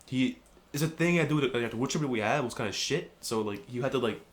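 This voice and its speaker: A man's voice: mid-range voice, fast. A young man co-hosting a podcast, telling stories in a casual chat, swearing a lot and acting out what people said. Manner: swears a lot, animated storytelling, acts out quotes loudly. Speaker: podcast co-host.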